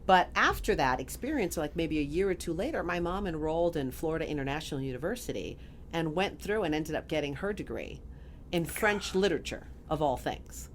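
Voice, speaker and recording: A middle-aged woman with a low, deep voice tells a story in a relaxed podcast interview. She is animated and laughs as she slips into quoted voices. Faint room noise sits behind her. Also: brisk. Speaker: guest.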